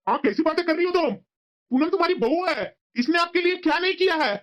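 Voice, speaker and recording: An earnest young cartoon husband, as a woman acts him out, with a fairly high voice. He argues patiently, and the audio is dull and lo-fi. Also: a little fast, natural voice. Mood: arguing. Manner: earnest, reasoning. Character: caring young husband and son.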